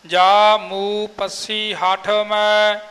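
Slow chanting man in an echoey hall. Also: high voice, soft background music. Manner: steady chanted cadence, drawn-out syllables. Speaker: scripture reciter. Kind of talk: slow melodic Sikh scripture recitation.

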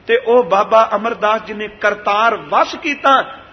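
Sermon voice: high-pitched man, reciting verses in slow chant, long echo of a large hall. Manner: slow chanting of scripture lines; addresses the congregation warmly as beloved ones. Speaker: Sikh preacher giving katha. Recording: dull sound with long hall reverb.

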